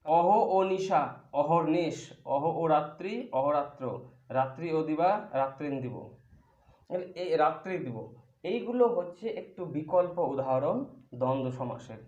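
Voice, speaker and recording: A man's voice: fairly high pitch, normal speed, darkish tone. A man teaching a grammar lesson, patiently explaining each point step by step with examples. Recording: echoey room, dull lo-fi sound.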